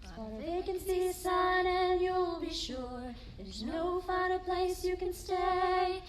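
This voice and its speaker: A woman's voice: very high-pitched, takes it slowly. A woman playing a cheery singer of an advert jingle in a 1940s-style radio play, with sweet, sing-song delivery. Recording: echoey, music behind.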